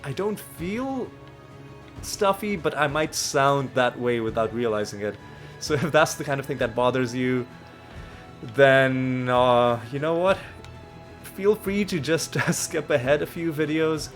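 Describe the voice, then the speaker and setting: This let's play host is a man whose mid-range voice is animated yet measured in pace, with a slight nasal quality because he's recovering from a cold. His casual commentary on the game wanders and doubles back on itself. Quiet background music can be heard.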